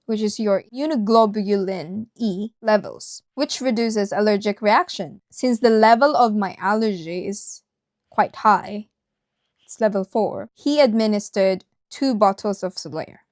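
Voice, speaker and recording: A woman's voice: medium pitch, measured pace, no echo, clean studio sound. A woman vlogger narrating a personal story directly to her viewers.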